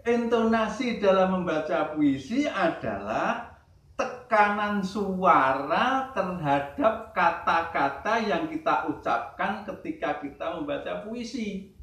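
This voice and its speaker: Guy teaching his class, voice a bit high, far from the mic, lots of room echo. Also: animated, fairly bright tone. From Central Java, Indonesia. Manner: talks slowly, stresses key words, asks the class questions. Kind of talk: classroom lesson. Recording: roomy echo, voice from a distance.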